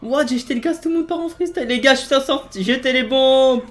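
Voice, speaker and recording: A man hosting a gaming video, giving playful commentary and jokingly barking commands as a team leader, excitable and joking. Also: very high-pitched, fast. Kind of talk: playful game commentary with role-play commands.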